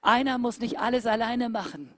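Eine Frau hält eine emphatische Predigt und senkt dabei oft abrupt Tonhöhe und Lautstärke. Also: female voice, normal speed, a bit bright, no room sound, studio quality. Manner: emphatic, with sudden drops in pitch and volume. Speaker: preacher. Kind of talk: sermon.

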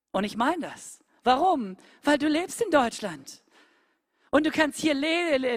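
Eine Frau hält eine emphatische Predigt und senkt dabei oft abrupt Tonhöhe und Lautstärke. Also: female voice, no echo, clean studio sound. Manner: emphatic, with sudden drops in pitch and volume. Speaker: preacher. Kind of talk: sermon.

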